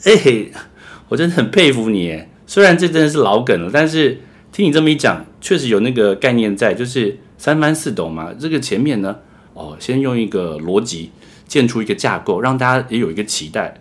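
A man's voice: mid-range voice, lively intonation, a little fast, husky. A man hosting a podcast in pseudo crosstalk banter, with eager, playful interjections. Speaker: podcast host.

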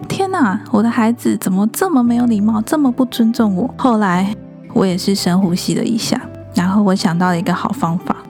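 A woman in her thirties hosting a podcast, talking calmly and gently about raising children. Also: mid-range voice, a little fast, faint music behind. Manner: calm, gentle, reflective advice. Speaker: podcast host. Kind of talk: podcast monologue on parenting.

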